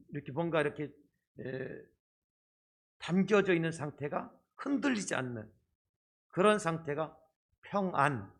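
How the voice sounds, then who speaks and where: A man's voice: a little high, fairly bright tone. A man preaching as a pastor through a face mask, explaining step by step and often putting rhetorical questions to his congregation. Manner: speaking through a face mask, slightly muffled. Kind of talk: sermon to a congregation. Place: church service.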